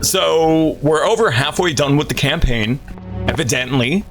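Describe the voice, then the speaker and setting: Man, casual game streamer, stuffy nose, rambling chatter, static on the mic, clear music behind. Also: on the high side, measured pace. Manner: rambling, self-deprecating chatter. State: stuffy from a cold. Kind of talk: casual gameplay commentary. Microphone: desk mic through an audio interface. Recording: static from a failing audio interface.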